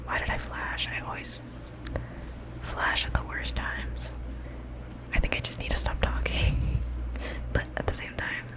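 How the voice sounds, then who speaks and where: A woman's voice: unhurried, pauses often. A young woman speaks entirely in a whisper, her s sounds coming out with a whistle. She streams game commentary in an ASMR style, rambling casually and often putting herself down. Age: young adult. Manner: casual, rambling, self-deprecating.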